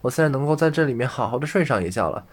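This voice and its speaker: Tiny mischievous boy, loud and cheeky, read by a man. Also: medium pitch, lively intonation, very fast, lightly acted. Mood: chatty. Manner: cheeky, shouting loudly. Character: tiny cheeky boy, thumb-sized, bold.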